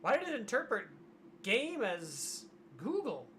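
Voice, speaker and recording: Hoarse streamer grumbling through commentary. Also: mid-range voice, huge pitch swings, measured pace, fairly bright tone, slight background noise. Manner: wry, grumbling, reads aloud from a web page. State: losing voice, hoarse. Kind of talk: casual livestream commentary.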